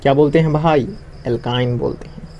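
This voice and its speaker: A man's voice: medium pitch, fairly even intonation, a little fast, dark tone, highs cut off, a little hiss or hum. A young man teaching a lesson in a conversational, classroom style. He asks questions and answers them himself, repeating the key terms.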